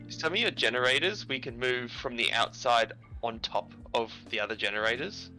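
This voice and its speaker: Bright-voiced man with wry, dry humor. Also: medium pitch, normal speed, poor audio. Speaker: co-builder on a game stream. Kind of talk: casual gaming chat. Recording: faint music behind.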